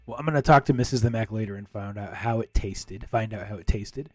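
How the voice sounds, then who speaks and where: A man's voice: fairly low pitch, brisk, no echo. A man hosting a video game podcast in an upbeat, emphatic and playful announcer style. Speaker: podcast host.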